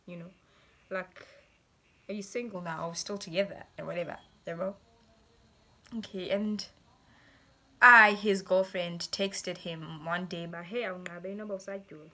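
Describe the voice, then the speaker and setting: Bright-voiced South African woman vlogger. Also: fairly low pitch, moderate pace, long pauses. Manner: animated, laughs often, mixes English and Xhosa. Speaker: YouTuber. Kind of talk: reading viewer stories aloud with reactions.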